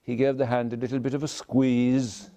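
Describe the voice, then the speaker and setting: An older man with a Kerry Irish accent tells a folk tale to live listeners in a lilting, wry manner with dramatic pauses. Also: medium pitch, little pitch movement, warm tone. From County Kerry, Ireland. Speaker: traditional storyteller. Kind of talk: oral folk storytelling to a live audience.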